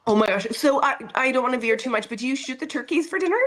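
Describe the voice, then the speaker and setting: A woman's voice: high-pitched, lively intonation, fast, a bit bright. A woman co-hosting a casual talk show, chatting in an effusive, enthusiastic way. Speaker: show co-host. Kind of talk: casual chat with wellness tips.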